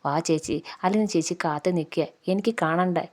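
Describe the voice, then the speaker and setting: A woman's voice: lowish voice, brisk, a little mellow, lightly acted. A woman voicing a tearful young woman who is grieving her sister leaving, in a plain recounting voice. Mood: sad.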